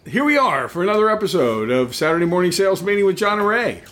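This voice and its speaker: A man co-hosting a casual chat show, firing off quick teasing quips. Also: high-pitched, animated, a bit bright. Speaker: podcast co-host.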